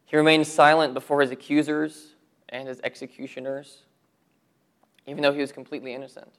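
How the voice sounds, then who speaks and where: A man preaching a sermon to his church, earnest, with rhetorical questions and drops to a low voice for emphasis. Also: level tone, brisk, fairly bright tone, smooth. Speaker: pastor.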